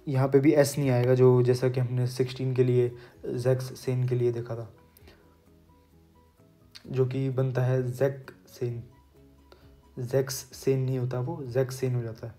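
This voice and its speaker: Young man, patient language teacher, mellow even voice, faint music behind. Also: medium pitch. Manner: patient, repeats words slowly for pronunciation. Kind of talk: explaining lesson while writing on a board.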